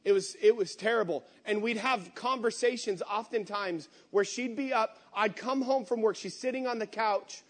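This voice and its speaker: A man pastor preaching a conversational sermon, animated and candid, swinging between loud emphatic bursts and quiet asides. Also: high voice, normal speed, few pauses. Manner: candid venting tone.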